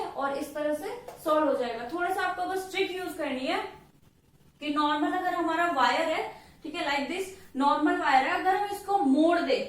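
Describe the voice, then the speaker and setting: A high-voiced woman with an Indian accent works through a physics problem patiently, pausing after each step to check that her students follow. She sounds far from the microphone, and her voice echoes strongly around a bare room. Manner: patient, checks in with "theek hai" after each step, writes out formulas slowly. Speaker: physics teacher. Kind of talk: explaining a worked example in a lesson.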